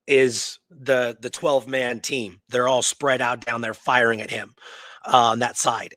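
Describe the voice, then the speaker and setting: Recorded without echo, a male radio host with a medium-pitched, fairly bright voice recounts a real historical event. He sounds engrossed and sincere, telling it in a relaxed, conversational way.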